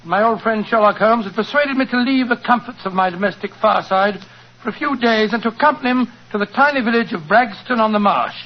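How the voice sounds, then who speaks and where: Radio play, vintage sound: genial older English doctor, high-pitched, courteous, avuncular, a natural storyteller. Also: male voice, fast. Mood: genial, reminiscing. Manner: avuncular, old-fashioned, courteous. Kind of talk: 1940s radio drama acting, storytelling. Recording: dull, noisy 1940s radio recording.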